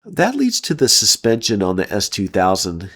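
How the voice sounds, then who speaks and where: A man's voice: fairly low pitch, wildly swooping pitch, moderate pace, fairly bright tone, breathy edge. A middle-aged American man giving a scripted, enthusiastic and opinionated narration as a car channel host. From United States.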